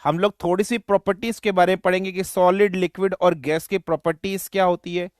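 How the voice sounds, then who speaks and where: Young guy from western up, online teacher, jokey banter, clear voice dry room. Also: high-pitched, little pitch movement, a little fast, dry recording. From western Uttar Pradesh. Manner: joking, teasing, calls students beta. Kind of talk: live online class with banter.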